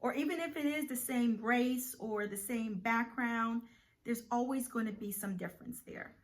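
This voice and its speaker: A woman's voice: on the high side, normal speed. A woman from Guyana co-hosting a casual chat with her husband, explaining points and pulling the talk back on track. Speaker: co-host.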